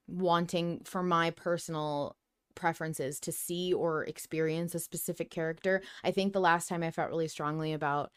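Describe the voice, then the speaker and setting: A podcast co-host with a low, smooth voice discusses a fiction series in casual, opinionated chat. She's blunt and emphatic and swears freely.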